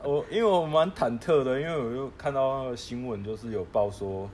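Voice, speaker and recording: A man's voice: medium pitch, fairly quick, darkish tone, a little hiss or hum. A man with a Taiwanese accent co-hosting a casual chat, often stammering and repeating his words. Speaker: podcast co-host.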